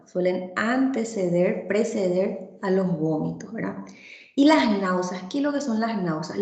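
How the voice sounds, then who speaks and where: A woman lecturer teaches a medical class in a mid-pitched voice. She talks straight to her students and keeps adding little checking tags after each phrase. The room gives her voice a clear echo. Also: darkish tone. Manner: tags nearly every phrase with "¿verdad?" or "¿sí?"; explanatory, speaks directly to the students.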